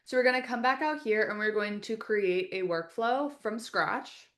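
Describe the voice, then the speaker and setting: A woman leading a live webinar as a software trainer, explaining each step in a friendly, practical, instructional way. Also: mid-range voice, normal speed. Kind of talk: live webinar screen-share tutorial.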